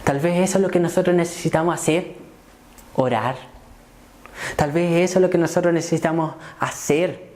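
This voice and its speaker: A man preaching a sermon as pastor, repeating phrases and asking rhetorical questions, dropping low then rising to emphatic points. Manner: swings between hushed low lines and raised emphatic ones.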